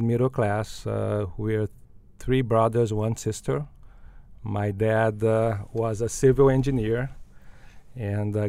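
An older man from Brazil, a business school dean appearing as a guest, answers interview questions thoughtfully with frequent fillers and restarts. His voice is fairly low, mellow and smooth, with no room sound.

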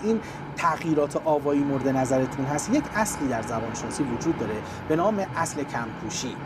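A man's voice: on the high side, background noise. A man who is a linguist, explaining speech forms with examples in a documentary interview.

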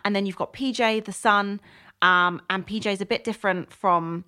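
A woman's voice: mid-range voice, steady tone, moderate pace, sharp tone, smooth. Woman on a book podcast, chatty, lots of um and kind of, talking it through. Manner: chatty, many fillers and restarts. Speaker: podcast co-host. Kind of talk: casual book chat.

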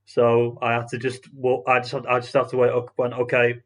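A man's voice: mid-range voice, completely flat delivery, moderate pace. A man hosting a podcast, telling a story in casual chat with many restarts and fillers. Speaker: podcast host.

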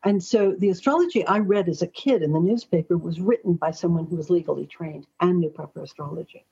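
Speaking quickly in a lowish, warm, husky voice, a Los Angeles woman of middle age or older shares anecdotes as a chatty, forthright interview guest. She is an astrologer and columnist, and the audio is lo-fi and a bit dull.

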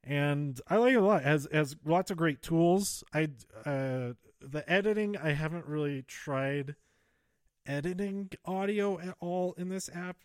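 A man podcasting solo in a halting, rambling way, slightly out of breath as he speaks close to the microphone. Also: a little high, dry recording. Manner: hesitant, halting, trailing off and circling back. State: slightly out of breath, holding back exhales. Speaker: podcast host. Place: close-miked, dry recording. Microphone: handheld or close microphone plugged into a phone.

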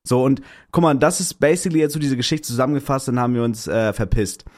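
A young man co-hosting a podcast, telling a story excitedly in slangy casual chat. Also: mid-range voice, fast talker. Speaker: podcast co-host.

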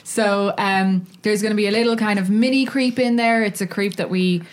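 A woman's voice: medium pitch, fairly even intonation, moderate pace. A woman with a Dublin accent co-hosting a casual podcast chat. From Dublin, Ireland. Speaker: podcast co-host.

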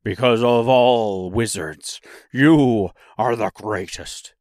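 A man voicing an earnest, pleading cowardly lion with loud, emphatic delivery in a storybook reading. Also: medium pitch, no echo, clean studio sound, natural voice. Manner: loud, emphatic, slow declarations.

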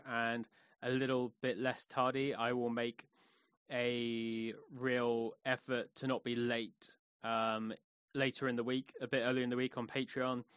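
A man's voice: medium pitch, a bit bright, no room sound. A man rambles through his solo podcast, full of "um"s and restarts. His voice sits in a middle register. It is recorded dry and a little muffled, like a cheap home setup. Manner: rambling, many fillers and restarts. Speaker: podcast host.

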